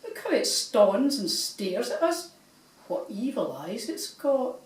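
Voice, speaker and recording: A woman's voice: on the high side, sing-song, takes it slowly, darkish tone. Woman doing a prim Scottish lady swan. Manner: prim and agreeable. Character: prim, demure female swan. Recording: roomy, from a distance.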